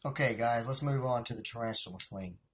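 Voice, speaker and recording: A man's voice: mid-range voice, a little fast, slightly rough. A man with a Southern US accent narrating a casual feeding video as a hobbyist keeper, chatty and rambling, talking to viewers as guys. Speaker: hobbyist scorpion and tarantula keeper.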